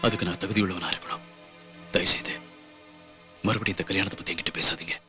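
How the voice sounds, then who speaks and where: An actor playing a grieving widowed father who speaks gravely and mournfully with a Tamil accent. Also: deep voice, fairly even intonation, fast talker, pushed and bright, faint music behind. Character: grieving widowed father, devoted to his son. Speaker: film hero, widowed dance master. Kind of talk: film dialogue.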